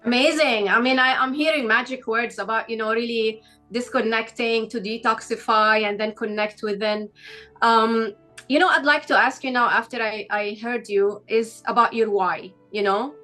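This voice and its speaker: Interview host, woman; probing and upbeat; higher-pitched; faint background music. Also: fairly even intonation, normal speed, bright, forceful tone. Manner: encouraging, probing questions. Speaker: host, founder of the travel company. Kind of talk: interview hosting.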